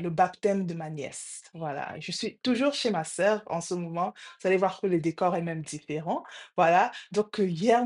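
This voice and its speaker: A woman's voice: lowish voice, mellow. A woman vlogging from her sister's home, telling a story to viewers with enthusiasm and many fillers.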